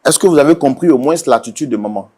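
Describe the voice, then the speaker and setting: A man acting as the host and mediator, asking probing, formal questions and repeatedly urging calm. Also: mid-range voice, quick pace. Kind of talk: questioning mediation talk show.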